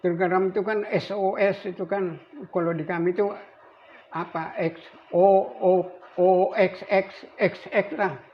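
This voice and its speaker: An elderly man in his eighties, a navy veteran, recalling his service in a rambling, halting way with many restarts. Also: sits high, fairly even intonation. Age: 80s. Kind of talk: recorded interview. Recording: dull lo-fi recording with faint noise.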